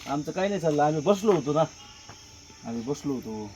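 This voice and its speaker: A man's voice: fairly high pitch, animated, fairly quick, dark tone, a little hiss or hum, lightly acted. A man playing the wife's young lover, defensive and repeating himself, recorded outdoors with crickets.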